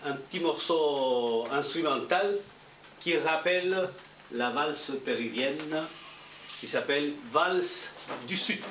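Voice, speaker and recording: A man's voice: on the high side, background noise. A middle-aged man, a musician, announcing the next piece to a small audience in a record shop. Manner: unhurried stage announcement. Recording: echoey shop, camera mic at a distance.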